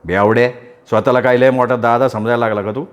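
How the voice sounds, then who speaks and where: A man reading a rough loyal village henchman. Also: mid-range voice, steady tone, brisk, natural voice. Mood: angry. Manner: rough, scolding.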